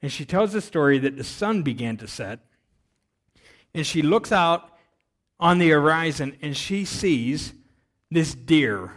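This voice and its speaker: Energetic male guest preacher, slightly high voice, storytelling sermon. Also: a little slow, pauses often. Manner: energetic, rising to loud emphasis, then dropping quiet.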